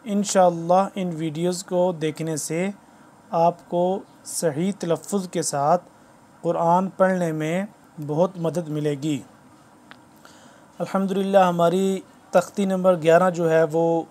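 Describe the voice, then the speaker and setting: A man's voice: a little high, a little mellow. Man teaching Quran letter reading. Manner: patient, explanatory, slowly spells out letter drills aloud; formal greeting to viewers.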